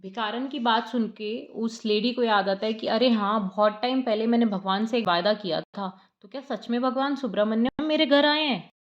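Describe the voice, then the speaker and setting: A woman's voice: on the high side, normal speed, hardly any pauses, lo-fi sound. A woman retelling a short story in a chatty, conversational way. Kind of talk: casual story summary narration.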